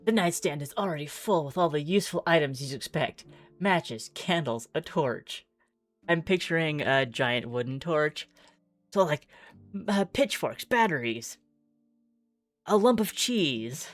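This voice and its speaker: A female game streamer with a low voice reads aloud and thinks out loud while commentating on a game playthrough, chatty and expressive at a measured pace. The sound is slightly roomy, with faint music underneath.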